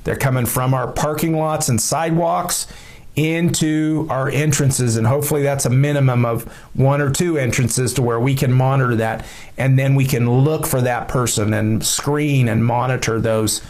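A middle-aged man giving church security advice straight to camera in a small lamp-lit room, relaxed and plain-spoken, with frequent "you know" fillers. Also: medium pitch, moderate pace.

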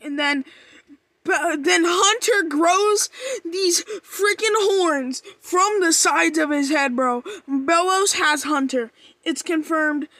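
A high-pitched woman rambles through a cartoon episode recap, full of fillers and restarts. Every so often she breaks into loud, excited cries. Her voice is close and dry, with no room sound. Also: slow, dry recording.

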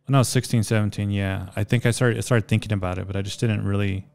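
Gravelly-voiced laid-back guest. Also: male voice, lowish voice, fast. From El Paso, Texas. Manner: relaxed, rambling with many likes. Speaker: guest, skateboarder and filmmaker. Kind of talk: casual interview chat.

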